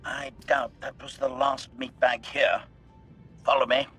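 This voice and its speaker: Smooth, cold combat android. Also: male voice, medium pitch, flat delivery, measured pace, fairly bright tone, soft background music. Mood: cold, mocking. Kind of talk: video game character dialogue.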